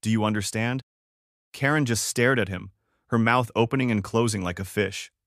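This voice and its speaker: A man telling a first-person story in a measured, even narration. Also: medium pitch, gravelly, no echo, clean studio sound.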